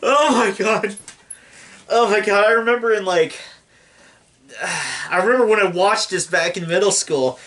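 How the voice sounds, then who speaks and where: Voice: mid-range voice, expressive, moderate pace, a bit bright. A young adult movie reviewer ranting in disbelief and swearing often while talking through a film. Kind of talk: profane film review commentary.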